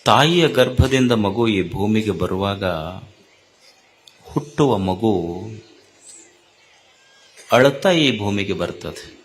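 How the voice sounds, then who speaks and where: A man giving a sermon at a gathering, slow and repetitive, rising to emphatic calls. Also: fairly low pitch, expressive. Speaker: spiritual speaker.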